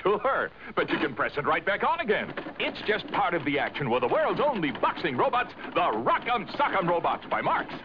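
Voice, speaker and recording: A man's voice: sits high, wildly swooping pitch, moderate pace, hardly any pauses, noisy background. A man announcing an upbeat, salesy 1970s toy commercial, heard as a lo-fi sound taped off an old broadcast. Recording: dull lo-fi archive broadcast with music.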